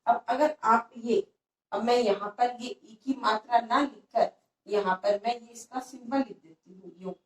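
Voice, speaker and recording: A woman's voice: on the high side, recorded from a distance. Lady teacher drilling kids on letters, asks then answers herself, roomy echo. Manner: asks pupils questions and answers them herself; stresses pronunciation slowly and repeatedly. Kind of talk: Hindi alphabet lesson for children.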